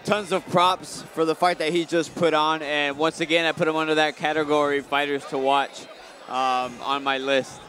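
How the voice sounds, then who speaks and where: A man's voice: fairly high pitch, little pitch movement, moderate pace, fairly bright tone, faint music behind. A man providing emphatic color commentary and analysis during a live fight broadcast.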